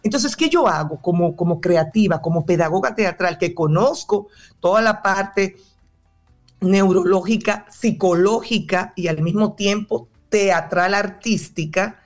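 A woman's voice: medium pitch, a little slow. A woman theater director and drama teacher answering interview questions in a passionate, explanatory way.

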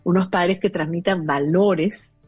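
A woman's voice: lowish voice, steady tone, takes it slowly, breathy edge, no room sound, faint music behind. A woman in her fifties talking as a guest about parenting, explaining earnestly with many fillers. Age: 50s. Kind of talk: conversational advice talk.

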